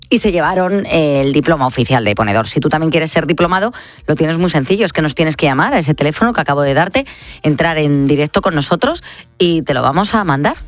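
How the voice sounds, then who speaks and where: A woman hosting a late-night radio show from a studio, chatting in a relaxed way with frequent laughs. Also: deep voice, no echo. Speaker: radio host.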